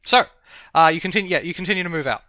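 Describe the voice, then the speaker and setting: Bright, clear-voiced man running a tabletop game. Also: fairly high pitch, dry recording, muffled recording. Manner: halting, searching for words as he improvises descriptions. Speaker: game master. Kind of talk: narrating a tabletop role-playing game.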